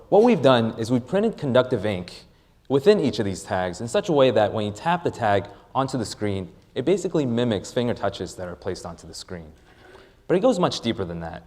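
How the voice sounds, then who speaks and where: A man with a lower-pitched voice gives a rehearsed startup product pitch. He presents in a very lively way, with wide swings in intonation and deliberate emphasis on key phrases.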